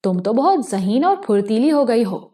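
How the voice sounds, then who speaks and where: A mocking male crook with a laugh behind his words, read by a woman narrator. Her voice stays warm and fairly high. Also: sing-song. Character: mocking male gang member.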